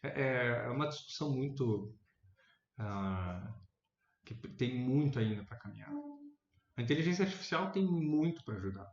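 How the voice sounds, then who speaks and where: A man with a Brazilian accent making his points in a casual debate, thinking aloud with restarts and sudden animated rises in pitch. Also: normal speed. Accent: Brazilian Portuguese. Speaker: debate panelist. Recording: echoey room, dull lo-fi sound.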